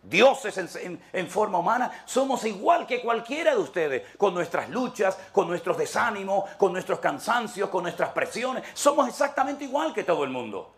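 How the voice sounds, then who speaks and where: A man with a Spanish accent, a pastor preaching a sermon in church, asking rhetorical questions and moving between emphatic and hushed delivery. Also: high-pitched, sing-song, normal speed, few pauses.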